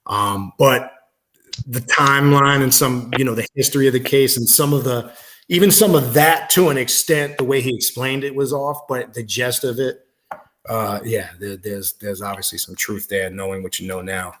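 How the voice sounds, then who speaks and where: A man with an ordinary, mid-range voice speaks as a livestream guest. He explains things in a measured way, often pausing on "uh" and "um" as he builds his point. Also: mid-range voice, steady tone, a bit bright. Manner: measured, explanatory, frequent "uh" and "um" fillers. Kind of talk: casual interview.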